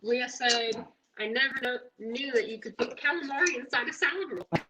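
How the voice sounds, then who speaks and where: A woman's voice: on the high side, moderate pace. A woman chatting casually and teasing from off to the side, relaying viewer comments. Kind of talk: casual chat. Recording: muffled, off-mic, crowd noise.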